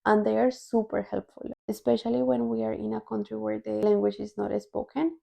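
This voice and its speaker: Speaking briskly in a mellow mid-range voice with vocal fry and little pitch movement, a young adult Colombian woman tells viewers her story casually. She's a native Spanish speaker and language-learning vlogger whose English carries a Colombian accent.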